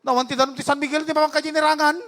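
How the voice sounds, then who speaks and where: A man's voice: extremely high pitch, level tone, rapid-fire, a bit bright. A man preaches a sermon. He tells stories and calls out to the people in front of him, moving between languages as he goes. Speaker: pastor.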